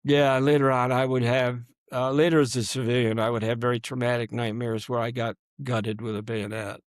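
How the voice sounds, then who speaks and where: A man in his seventies, a guest in an interview, recounting personal stories in a halting way that sinks to a near-murmur at grim moments. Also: mid-range voice, flat delivery, clear, resonant tone, no room sound, studio quality. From United States. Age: 70s. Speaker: guest, combat veteran.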